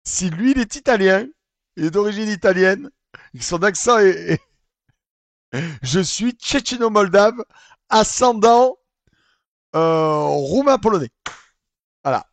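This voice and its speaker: An excitable man mocks a cooking video in comedic reaction commentary, swearing freely. His voice is high and lively, leaping up and down, and recorded close and dry. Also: a little slow, gravelly, pauses often, dry recording.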